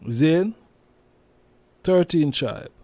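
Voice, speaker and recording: Slow-talking Jamaican man. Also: on the high side, expressive, mellow, husky, no room sound. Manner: slow, repetitive, with many restarts and "you see me?". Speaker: host. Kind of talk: casual commentary monologue.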